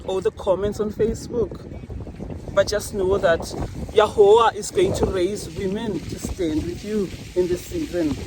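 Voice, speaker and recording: An earnest woman speaks from the heart about her faith while standing beside a park fountain. Her recording is noisy, with running water and outdoor ambience clearly heard around her voice. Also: mid-range voice, steady tone, measured pace. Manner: earnest, tearful-tinged, faith-filled testimony. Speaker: vlogger. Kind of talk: emotional personal monologue.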